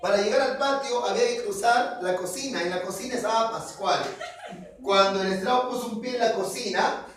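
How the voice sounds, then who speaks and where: A high-voiced man retells a novel for students in a loose, dramatic way, slipping in wry asides. He sounds set well back from the mic in a very echoey room. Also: a little fast, fairly bright tone, distant mic. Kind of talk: casual storytelling summary with jokes.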